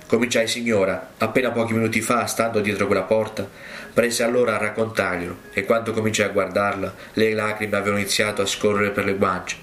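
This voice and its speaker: A man preaching a sermon, telling a testimony in an earnest, measured way. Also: lowish voice, level tone, fairly bright tone, soft background music. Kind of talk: sermon storytelling.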